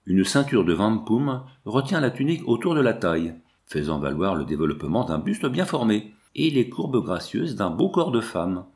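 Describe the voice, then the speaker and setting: Low-voiced male audiobook narrator. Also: very animated, darkish tone. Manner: measured, descriptive. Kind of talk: scripted narration of a novel.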